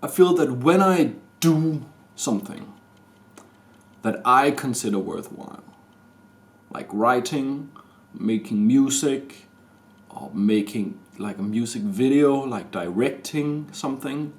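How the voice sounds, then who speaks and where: Speaking in an expressive, medium-pitched voice, a thirty-year-old Danish vlogger rambles through a personal confession on his camera mic. He hesitates constantly, restarting sentences and filling gaps.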